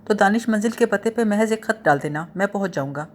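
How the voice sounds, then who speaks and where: A woman voicing a clever young male detective who plays the fool, questioning calmly with a teasing edge. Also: medium pitch, close to an everyday voice. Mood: probing.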